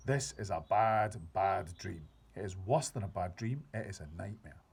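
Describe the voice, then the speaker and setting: A man's voice: low-pitched, lively intonation, fairly quick, mellow, breathy edge, full character voice. A man doing a big friendly old giant. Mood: distressed. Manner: mangled grammar and made-up words. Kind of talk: reading a children's book aloud.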